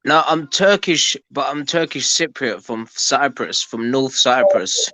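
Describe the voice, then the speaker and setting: Bright-toned man chatting. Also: mid-range voice, lively intonation, measured pace, no room sound, low-quality recording. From London, England. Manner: hesitant, many ums and restarts. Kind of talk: casual chat.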